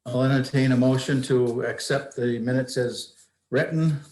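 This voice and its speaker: Even-toned man chairing a meeting, echoey. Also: mid-range voice, normal speed. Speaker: board chairman. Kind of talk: formal meeting procedure. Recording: echoey room sound.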